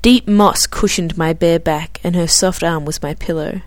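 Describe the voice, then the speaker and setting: At normal speed and in a lowish voice with no echo, the Australian host of her own podcast makes self-deprecating small talk full of fillers. After the casual chat, she moves on to reading a novel aloud.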